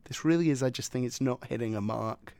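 Gravelly man rambling in casual chat. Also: medium pitch, a little fast, a little mellow, dry recording. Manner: rambling, laughing, trails off. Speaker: podcast co-host. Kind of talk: casual film review chat.

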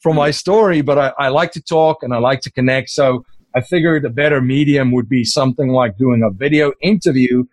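Speaking fairly quickly in a mid-range voice, a middle-aged Afrikaans-speaking man from South Africa, himself a podcast host, is interviewed as a guest. He chats casually and rambles, full of fillers and restarts, on a dry recording.

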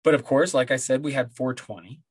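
Middle aged guy podcaster, husky smokers rasp, laid back and sweary, just rambling, dry sound. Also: mid-range voice, steady tone, brisk, dry recording. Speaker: podcast host. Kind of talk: casual rambling solo podcast talk.

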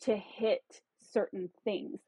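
Guest, woman, husky voice, dry muffled sound, reflective and explanatory. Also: mid-range voice, fairly even intonation, takes it slowly, dark tone, dry recording. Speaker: podcast guest. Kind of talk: casual conversation.

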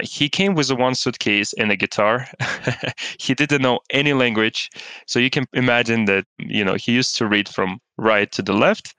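Bright, crisp-voiced man from Kazakhstan. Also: lowish voice, dry recording. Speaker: founder, guest. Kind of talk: interview answers.

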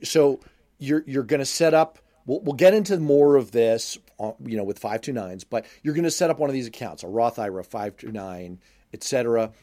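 Wry podcast guy, lively up and down voice, medium pitch, chatty and jokey. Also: moderate pace. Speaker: podcast co-host asking questions. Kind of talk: casual chat.

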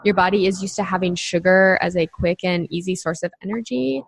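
A woman's voice: on the low side, brisk, creaky. Chatty woman podcast coach. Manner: chatty, frequent fillers like "like" and "you know"; encouraging, speaks directly to listeners. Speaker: podcast co-host and nutrition coach. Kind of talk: casual podcast chat.

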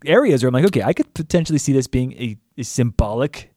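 A man's voice: medium pitch, animated, quick pace, dark tone, no echo. A man co-hosting a casual Bible chat with teasing, dry-humored banter. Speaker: podcast co-host.

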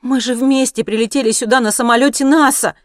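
A man's voice: high voice, moderate pace, no echo, studio quality, pitched above the performer's own voice. A man voicing a frightened, desperate young woman who pleads in rising panic. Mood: panicked. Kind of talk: audiobook character reading.

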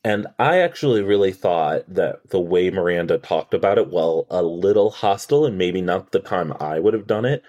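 Low-voiced man chatting on a podcast. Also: animated, moderate pace, few pauses, a little mellow, lo-fi sound. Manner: chatty, analytical, many restarts and quoted lines. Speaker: podcast co-host. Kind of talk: casual chat recapping a TV episode.

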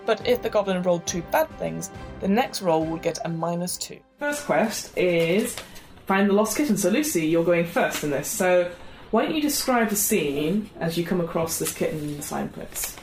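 A woman running a tabletop game, explaining rules briskly and laughing readily. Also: on the low side, expressive, a little mellow, faint music behind. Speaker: game master.

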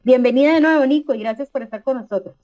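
A Costa Rican woman hosting a radio interview, full of effusive praise and pausing on the filler "este". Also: high-pitched, no room sound, muffled recording. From Costa Rica. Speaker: radio host.

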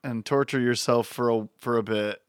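A man co-hosting a podcast, chatting casually with quick joking asides. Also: medium pitch, steady tone, clear, resonant tone, no echo, studio quality. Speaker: podcast co-host.

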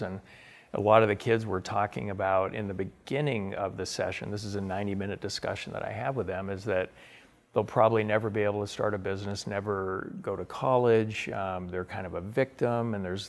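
An earnest middle-aged man speaks in a low, gravelly voice, answering an interviewer. He talks with enthusiasm and often restarts his sentences as he goes. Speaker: author and guest.

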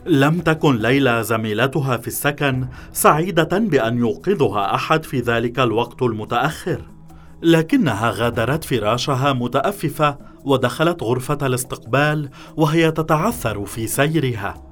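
Male narrator, measured storyteller, mid pitch, soft music bed. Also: lively intonation.

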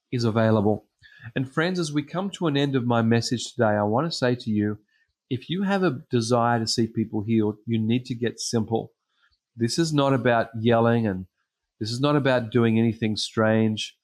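A man preaching a sermon, telling personal stories in a halting way with frequent pauses and ums. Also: mid-range voice, darkish tone. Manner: hesitant storytelling with frequent ums.

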